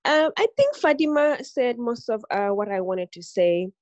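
A woman joining a video call to speak, hesitant and filling pauses with ums. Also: on the high side, animated, a little mellow, no echo. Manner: hesitant, many fillers. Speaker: audience participant in online talk. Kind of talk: unscripted comment on a video call. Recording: dull lo-fi call audio.

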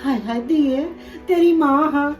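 A woman's voice: high voice, normal speed, a little mellow, soft background music, lightly acted. An actress playing a middle-aged mother who wails and pleads with her returned daughter. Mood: weeping, pleading. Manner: wailing, pleading questions. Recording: echoey room, distant mic.

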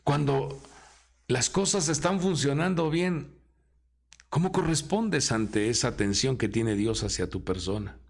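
Man preaching from the pulpit: slow and theatrical, raspy fry. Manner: dramatic preaching, acting out quoted voices with swings in pitch. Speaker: apostle preaching. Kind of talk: sermon.

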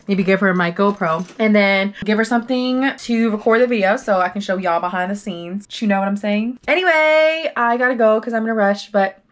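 A young woman hosting a fashion vlog, chatting to a handheld camera in a casual, upbeat way and swearing now and then. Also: mid-range voice. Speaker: fashion blogger and vlog host.

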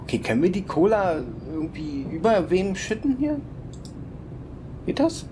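A man's voice: high-pitched, sing-song, moderate pace, noisy background. A man thinking aloud while playing an adventure game, musing and chuckling as he goes. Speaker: let's play commentator. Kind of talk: casual gameplay commentary.

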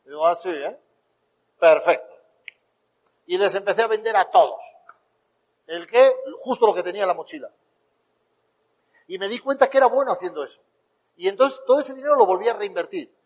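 Speaking fairly quickly but with long pauses, a high-voiced male motivational speaker tells stories to a crowd. He acts out quotes in a lively way, heard through long hall reverb.

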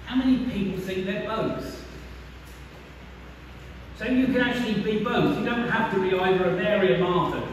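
A man's voice: high-pitched, normal speed, long pauses, slight background noise. A man, preaching a conversational sermon and asking the congregation questions. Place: church hall. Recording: echoey church from far off.

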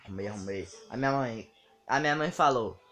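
A man's voice: mid-range voice, fairly quick, faint music behind. A man, telling stories in a casual vlog monologue and acting out the dialogue. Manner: animated, acts out quoted dialogue. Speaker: vlogger.

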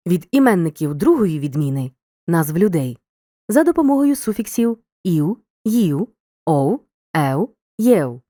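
A woman reading a scripted video lesson as a teacher, giving examples in a clear, deliberate way. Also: lowish voice, sing-song, warm tone, dry recording, studio quality.

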